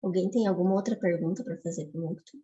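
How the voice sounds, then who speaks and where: A woman's voice: on the low side, fast, dark tone. A woman host, moderating questions in a live online talk. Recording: dull lo-fi, distant sound.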